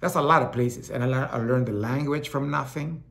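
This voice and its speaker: A middle-aged talk show host from El Salvador speaks fairly quickly in a medium-pitched, creaky voice with a fairly bright tone and a Salvadoran Spanish accent. His casual, rambling monologue often repeats words, and he voices the people he quotes.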